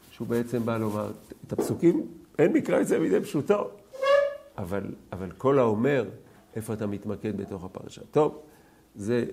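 A man teaching a scripture class, questioning his students and rising to loud, emphatic peaks. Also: mid-range voice, vocal fry. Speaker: Torah teacher.

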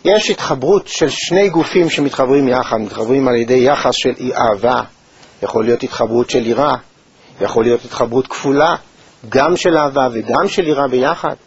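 A man teaching a Torah lesson in a measured, thoughtful way, with pauses and hesitations. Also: mid-range voice. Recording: dull, lo-fi recording.

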